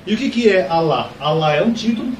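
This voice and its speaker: This time the same theology YouTuber talks fast and sounds animated, his high-leaning voice still a little mellow. Casual and conversational, he poses rhetorical questions and fixes his wording mid-sentence, while the distant mic picks up room echo and a faint hiss.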